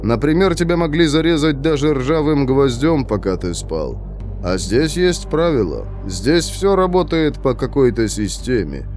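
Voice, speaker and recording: A man doing Benoit, a slow, calm young prisoner. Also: mid-range voice, faint music behind. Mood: calm lecturing. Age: 20s. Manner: slow, measured, lecturing.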